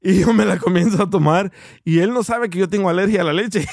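A man's voice: sits high, fairly quick, creaky, no echo, studio quality. A man telling a funny story in casual chat, laughing and acting out the people in it. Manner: animated, laughing, acts out voices of people in his story.

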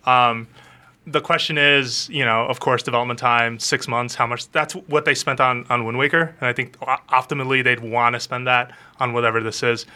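A man's voice: mid-range voice, steady tone, moderate pace, sharp tone. A man co-hosting a casual podcast, laughing often and thinking aloud with small restarts. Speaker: podcast co-host.

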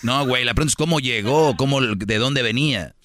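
A man's voice: mid-range voice, brisk, fairly bright tone, dry recording, clean studio sound. A man on a radio show, playing the straight man who questions the stories. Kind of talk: comedic radio banter.

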